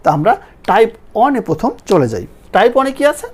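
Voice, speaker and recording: A woman gives a grammar lesson at the board, her pitch rising and falling in a lively way. She explains patiently, step by step, and draws example words out slowly, syllable by syllable. She often stops to ask the listener whether they follow. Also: slight background noise. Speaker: English grammar teacher. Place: classroom-style video with a board.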